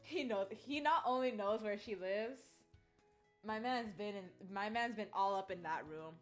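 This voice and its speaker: A woman's voice: medium pitch, unhurried, faint music behind. A woman streaming a game live, reading its text aloud and reacting with playful, giggly squeals.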